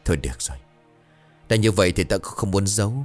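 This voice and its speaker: A man voicing a gruff, secretive older village uncle who dodges questions in a hushed, low tone. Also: little pitch movement, fast talker, faint music behind, close to an everyday voice. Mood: grave.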